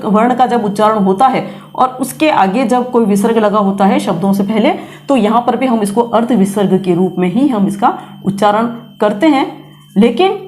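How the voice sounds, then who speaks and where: A woman's voice: on the high side, a little mellow. A middle-aged woman teaching grammar, patiently explaining and repeating sounds aloud to demonstrate pronunciation. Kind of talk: classroom lesson, explaining pronunciation.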